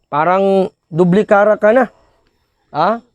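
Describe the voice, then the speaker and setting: High-voiced man preaching an Islamic lecture. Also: slow pace, no room sound. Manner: mixes Tagalog with Bisaya and Arabic phrases, teasing audience members by name.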